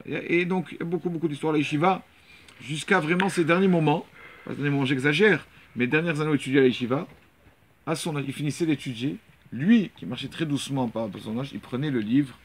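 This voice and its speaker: Male rabbi, Torah lesson, storytelling, lively delivery restarts, mid-high voice. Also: fast. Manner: animated storytelling with frequent restarts and repetitions.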